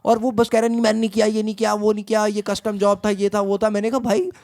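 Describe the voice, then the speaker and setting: A man's voice: high-pitched, little pitch movement, fast talker, darkish tone. A young Indian man co-hosting a podcast, telling a story in a heated, profane rant that mixes Hindi and English. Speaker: podcast co-host.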